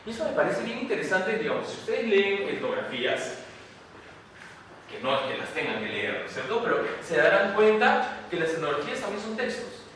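A man's voice: high voice, very animated, fairly quick, fairly bright tone, slight background noise. A man giving a university lecture in a conversational way, often tagging questions to his students. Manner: conversational, rhetorical tag questions. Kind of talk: classroom lecture. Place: classroom. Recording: echoey room, distant mic.

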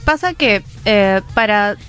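A woman, an industrial designer, explaining her project as a radio guest, hesitant and soft-spoken. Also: mid-range voice, expressive, takes it slowly, soft background music. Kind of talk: radio interview.

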